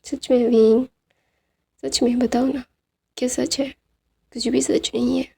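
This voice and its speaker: A woman doing a hurt, husky young man. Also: high voice, little pitch movement, unhurried, full character voice. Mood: bitter. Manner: quiet, hurt, questioning. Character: sad, wounded young man doubting he is loved.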